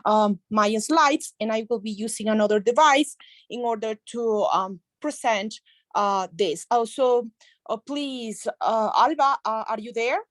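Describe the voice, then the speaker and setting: A woman from Ecuador speaking on a video call as a conference presenter, hesitant and polite, with many fillers. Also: fairly high pitch.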